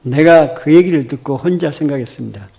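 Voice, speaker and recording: A man's voice: fairly high pitch, brisk, gravelly, mellow, husky. A male pastor preaching in a church, telling a vivid story and acting out the dialogue. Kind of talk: storytelling sermon.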